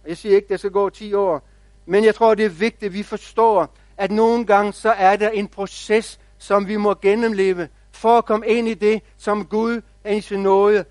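A man pastor preaching a sermon, telling stories in a measured, reflective way with quiet pauses. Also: high voice, little pitch movement, no room sound.

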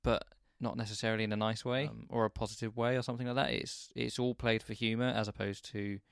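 A man's voice: lowish voice, level tone, fast talker, creaky, clear, resonant tone, no echo, clean studio sound. A man co-hosting a casual film chat, thoughtful and hesitant, often restarting his sentences. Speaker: film podcast co-host.

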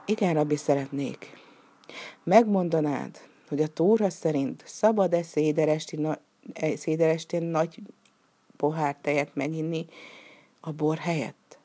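A woman's voice: low-pitched, mellow. A woman voicing a poor, pious old man who speaks meekly and with resignation in a storybook reading. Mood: humble. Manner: meek, resigned.

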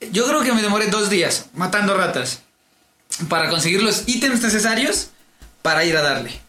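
Bright-voiced man telling stories. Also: sits high, normal speed, echoey room. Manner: animated storyteller, mimics accents. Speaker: podcast co-host. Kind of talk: casual chat.

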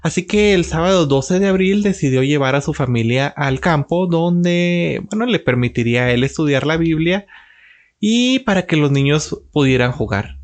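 Man retelling a story with frequent pauses. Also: on the high side. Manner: unhurried, pausing often with filler sounds. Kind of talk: unscripted religious storytelling.

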